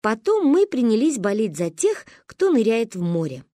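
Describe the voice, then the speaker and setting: A woman reads a funny storybook aloud, her voice fairly high and very lively, swinging up and down as she tells it. The recording is close and dry, with no room sound. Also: moderate pace, no echo. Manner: lively, expressive telling. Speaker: audiobook narrator. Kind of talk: storybook narration.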